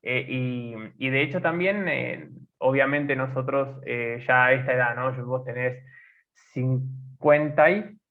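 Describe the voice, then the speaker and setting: A man in his twenties with an Argentine accent, co-hosting a casual podcast and talking haltingly with many fillers and restarts. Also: mid-range voice, fairly even intonation. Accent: Argentine Spanish. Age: 20s. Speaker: podcast co-host. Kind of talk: casual conversation. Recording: tinny phone-like sound.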